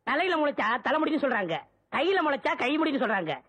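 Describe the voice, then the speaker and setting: A naive young village helper pesters with silly questions in a film comedy scene. The voice is very high and whiny, earnest to the point of foolishness. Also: male voice, big pitch swings, fast talker, a bit bright, full character voice.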